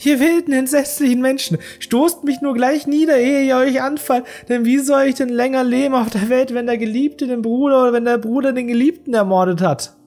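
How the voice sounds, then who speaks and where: A narrator voicing a gentle, sorrowful young woman in a classic audiobook, speaking earnestly with a raised voice. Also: mid-range voice, expressive, fairly quick, hardly any pauses, slightly rough, voice pushed up. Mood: desperate. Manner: raised voice, soft and earnest to sobbing. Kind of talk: audiobook character reading.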